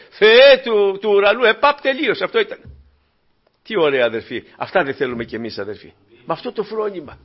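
A fervent male preacher with a fairly high voice, delivering a sermon that drops to low, intimate asides and then climbs to loud, emphatic peaks. He keeps turning to the congregation as brothers. The recording sounds dull and lo-fi.

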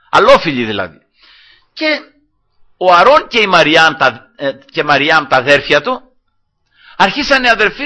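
A male preacher with a high, very bright and cutting voice, telling a scripture story with lively swings between soft asides and raised lines. He keeps turning to his congregation as brothers. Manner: keeps addressing listeners as brothers, acts out quotes, animated. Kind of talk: sermon retelling a scripture story.

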